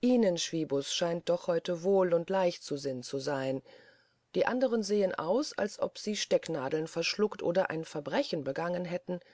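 Worried young woman, earnest, mellow warm tone, dry room, voiced by the narrator. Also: medium pitch, expressive, normal speed, dry recording, lightly acted. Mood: wondering. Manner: earnest, reproachful. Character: uneasy young woman, the doctor's sister. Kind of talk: audiobook character voice.

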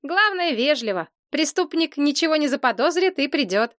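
A woman reading as a sensible storybook boy prince, calm and wry, fairly high in pitch. The sound is close and dry. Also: moderate pace, dry recording.

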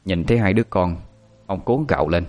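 Low-voiced storyteller. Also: male voice, brisk, darkish tone. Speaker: narrator. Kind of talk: storytelling narration.

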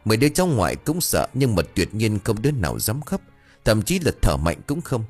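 Husky male ghost-story narrator. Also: on the low side, big pitch swings, fairly quick, darkish tone, soft background music. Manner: dramatic, ominous storytelling.

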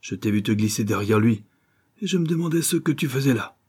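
A man's voice: medium pitch, animated, brisk, voice pushed up. Man roaring as a savage young brawler. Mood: furious. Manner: shouting, hoarse roars. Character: seventeen-year-old male street brawler, savage and furious.

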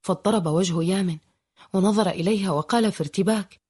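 A woman narrating a novel as an audiobook, in a steady, even reading. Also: mid-range voice, fast, husky. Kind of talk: storybook narration.

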